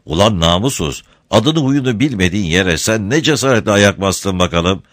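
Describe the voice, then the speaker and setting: A man voicing a gruff, quick-tempered Ottoman gendarme captain who barks orders. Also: fairly low pitch, animated, a bit bright, dry recording, studio quality. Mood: stern. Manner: barking, commanding.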